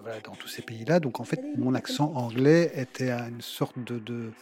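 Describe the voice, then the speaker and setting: Man, mid pitch, measured and slightly halting, personal interview account. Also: darkish tone, slightly rough.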